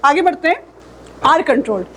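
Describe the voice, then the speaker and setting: A woman teaching an English phonetics lesson, explaining patiently and saying model words slowly for learners to repeat. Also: high voice, animated, a bit bright.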